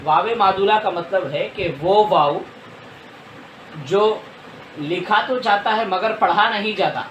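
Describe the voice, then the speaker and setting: A man teaching Urdu spelling with a high voice and an unhurried pace. He spells words out letter by letter and explains patiently. He is recorded off-mic in a roomy, echoey space with faint noise behind him. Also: a bit bright, recorded from a distance, muffled recording. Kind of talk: lesson.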